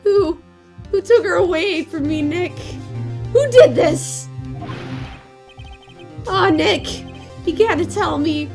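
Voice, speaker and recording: A woman's voice: very high voice, takes it slowly, creaky, pauses often, music in the background, voice pushed up, full character voice. A woman voicing a distraught, melodramatic young man in an amateur reading of game dialogue. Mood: despairing. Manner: loud, overwrought, wailing.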